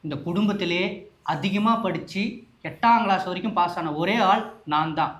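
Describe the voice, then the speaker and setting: A man's voice: high voice, moderate pace, a bit bright, reverberant. A man playing a boastful young village cousin who wants to marry the girl and brags about his schooling. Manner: boastful and bossy. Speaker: cousin and suitor.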